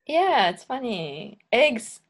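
A woman's voice: fairly high pitch, sing-song, takes it slowly. Woman, podcast guest, casual chat, fillers, laughs. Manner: chatty, many fillers, playful laughs.

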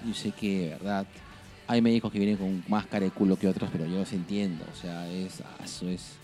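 A man with a Peruvian Spanish accent talks in a low voice, loose and slangy, with frequent swearing. He tells stories with laughter in casual podcast chat, and faint music sits behind him. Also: little pitch movement, brisk, dark tone. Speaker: podcast co-host.

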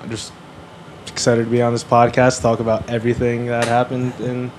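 A man's voice: medium pitch, completely flat delivery, a little fast, a little hiss or hum, poor audio. A man co-hosting a podcast in informal, slangy, casual conversation. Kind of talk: casual chat.

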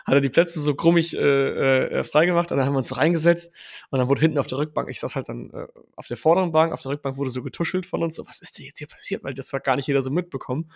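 A young man hosting a podcast, casually telling an animated story and quoting people along the way. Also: mid-range voice, quick pace, vocal fry. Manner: animated, quotes people with lively asides. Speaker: podcast host.

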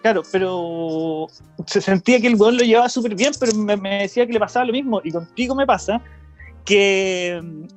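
A man's voice: high voice, normal speed, faint music behind. This is a young man with a Chilean accent, talking casually as a podcast host over a video call. He rambles, backtracks and corrects himself mid-sentence, with plenty of casual swearing. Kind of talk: casual chat.

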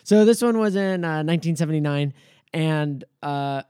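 A man co-hosting a podcast, retelling things in a relaxed way with many fillers. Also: fairly high pitch, moderate pace, clean tone, dry recording, clean studio sound. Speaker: podcast co-host. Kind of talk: casual chat.

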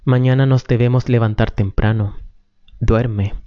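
A man reading the part of a sleepy woman who soothes her lover, in a soft tone. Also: medium pitch, fairly even intonation, a little slow, no echo, close to an everyday voice. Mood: soothing. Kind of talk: amateur script reading. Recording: dull lo-fi recording.

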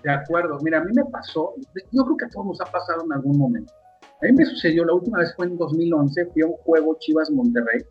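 Husky Mexican man hosting a sports podcast. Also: fairly high pitch, lively intonation, quick pace, lo-fi sound, faint music behind. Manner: conversational, lots of fillers and asides. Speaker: podcast host. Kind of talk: casual sports talk.

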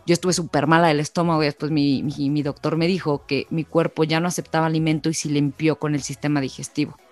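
A woman's voice: sits low, little pitch movement, quick pace, darkish tone, faint music behind. A young Mexican woman co-hosting a podcast, telling a personal story in a chatty casual way. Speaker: podcast co-host. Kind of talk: casual chat.

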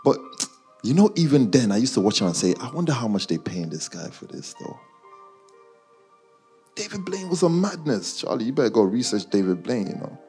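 With soft music behind him, a man of Nigerian heritage who grew up partly in Guyana and went to school in the UK talks to a live crowd and online viewers. His London-accented voice is medium-pitched, mellow and sing-song, and fairly quick. He uses slang and ribs his listeners playfully.

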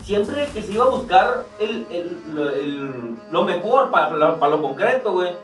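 A man's voice: high voice, sing-song, normal speed. A young Mexican man co-hosting a casual podcast, rambling through slang-filled stories with many restarts. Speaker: podcast co-host. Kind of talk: casual banter. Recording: roomy room, far from mic, music behind.

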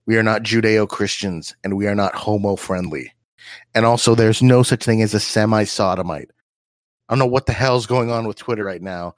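A man's voice: on the low side, normal speed, no echo, clean studio sound. A man co-hosting a podcast, ranting heatedly in casual banter and laughing often. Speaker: podcast co-host.

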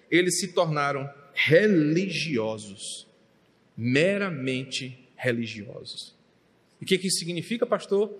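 A middle-aged man, preaching a passionate sermon from the pulpit in a church. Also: fairly high pitch. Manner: impassioned, rises to near shouting at times. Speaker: pastor. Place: church sanctuary. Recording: long hall reverb.

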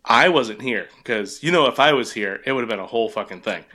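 A man's voice: mid-range voice, animated, brisk, bright, forceful tone, husky. New England man, podcast co-host, loose storyteller who laughs a lot and swears freely. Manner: laughs often, storytelling with profanity. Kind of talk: casual chat.

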